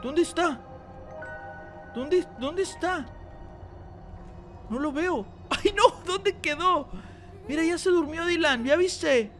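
High-voiced excitable woman gaming host. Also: takes it slowly, pauses often, soft background music. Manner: excitable, shrieks in alarm at game events; addresses viewers directly. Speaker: mother playing alongside her young child. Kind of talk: let's play commentary.

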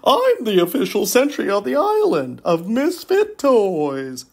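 A woman's voice: mid-range voice, huge pitch swings, measured pace, voice pushed up, heavily acted. A woman reading a storybook aloud and voicing a male jack-in-the-box puppet who serves as a proud sentry.

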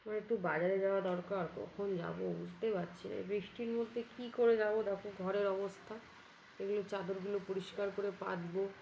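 A woman's voice: steady tone, normal speed, creaky, darkish tone, muffled recording, a little hiss or hum. A woman filming a casual home vlog, chatting and coaxing her pet dog. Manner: coaxing, chatty, calls the dog in high tones. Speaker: pet vlogger. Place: home room.

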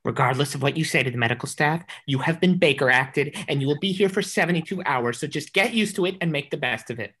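A woman voicing a blunt, weary female patient who gives flat advice. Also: sits low, fast talker, hardly any pauses, breathy edge, pitched below the performer's own voice. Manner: blunt and advising.

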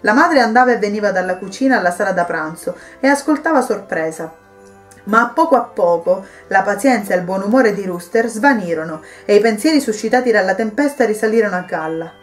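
A woman reading a Christmas story aloud as a storyteller, in a calm, measured way. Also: mid-range voice. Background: soft background music.

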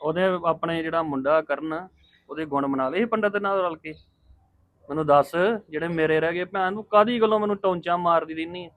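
An actor plays an aggrieved brother in a family drama, speaking. His voice is slightly raised in pitch. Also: steady tone, brisk, fairly bright tone, lightly acted. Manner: aggrieved, complaining. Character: brother caught between his sisters. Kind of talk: Punjabi family drama acting.

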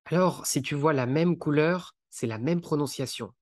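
A man teaching French pronunciation, articulating each sound slowly and deliberately while reading word lists. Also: fairly high pitch, a little mellow, dry recording, clean studio sound.

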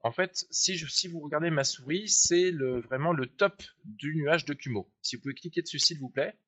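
A trading software trainer leads a live webinar tutorial on trading charts, chatty and explanatory, asking viewers to click along. His voice is fairly high, a bit bright and breathy at the edge, at normal speed, and the recording sounds dull and lo-fi.

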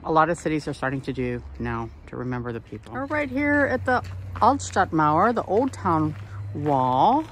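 Slight background noise accompanies a woman's lowish voice as she guides a walking tour outdoors. Filming on old town streets, she chats casually and points out the sights.

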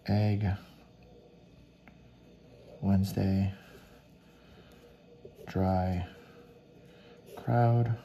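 A man's voice: low voice, fairly even intonation, extremely slow, vocal fry, pauses often, dark tone, muffled recording, a little hiss or hum. A man giving casual running commentary as he works, muttering to himself in short fragments and spelled-out letters. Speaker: host of a scratch ticket video.

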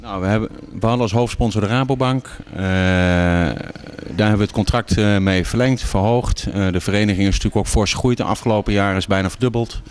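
A man in his fifties from a sponsorship committee talks steadily and matter-of-factly, dropping in fillers during a casual interview. His voice is lowish, even and clean, and he speaks briskly into a handheld microphone in a small indoor café.

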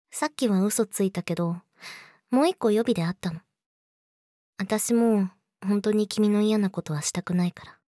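A woman's voice: medium pitch, warm tone, no echo, clean studio sound. A woman playing a young, clingy yandere girlfriend in an intimate audio drama, sweet and eerily obsessive, coaxing the listener. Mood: apologetic, clingy.

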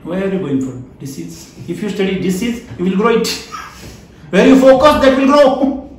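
A high-pitched man with an Indian accent teaches in an emphatic, questioning way. He repeats key phrases as he lectures. The room rings with heavy echo and the microphone sits at a distance. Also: big pitch swings, moderate pace. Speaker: trainer, lecturer. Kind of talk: interactive classroom lecture. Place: small wood-panelled indoor training room. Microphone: camera a few feet away. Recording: very echoey room, mic at a distance.

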